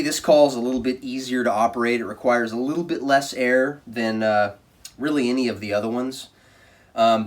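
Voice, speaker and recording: A man's voice: mid-range voice, far from the mic. Man casually reviewing gear, away from the mic. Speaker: product reviewer.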